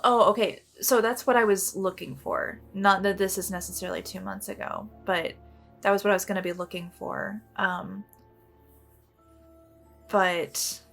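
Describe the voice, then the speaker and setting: Brief: woman let's-play co-host, casual, blunt, jokey, mid pitch. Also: creaky, fairly bright tone. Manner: blunt, swearing, joking. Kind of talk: casual gameplay chat.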